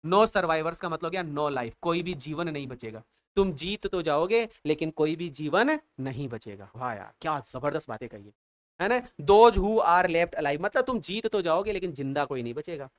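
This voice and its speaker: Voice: medium pitch, expressive, moderate pace, no echo. An English teacher explaining a poem line by line, translating each phrase and asking rhetorical questions with enthusiastic exclamations.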